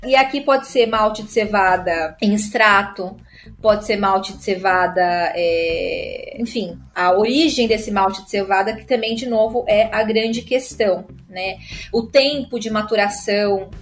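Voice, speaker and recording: A woman's voice: medium pitch, a little slow. A woman sommelier with a Brazilian Portuguese accent, explaining at length in casual chat with many filler tags and restarts. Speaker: sommelier guest.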